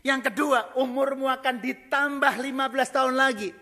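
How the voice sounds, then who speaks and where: A man preaching a sermon in a high, gravelly voice. He drops to low, quiet reading, then rises into loud shouted appeals. He slips English phrases into his preaching. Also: fairly even intonation, normal speed.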